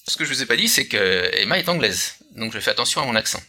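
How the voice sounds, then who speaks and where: A man's voice: mid-range voice, very animated, fast, sharp tone, husky. A man hosting a casual podcast chat, hesitant, with many filler sounds and restarts. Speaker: podcast host.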